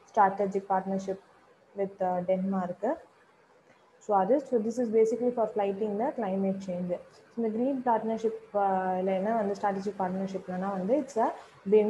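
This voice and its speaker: A woman's voice: medium pitch, mellow, a little hiss or hum, low-quality recording. A woman with a Tamil accent teaching an exam revision lesson on current affairs, switching between Tamil and English with frequent fillers and restarts.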